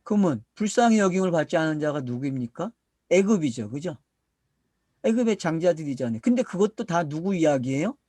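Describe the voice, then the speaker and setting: A man's voice: on the high side, lively intonation, mellow, no echo. Middle-aged korean pastor guy preaching, voice jumps up and down a lot, asks and answers himself, dry close sound. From South Korea. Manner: asks questions and answers them himself, drawn-out emphatic words. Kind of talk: sermon, Bible teaching to a congregation.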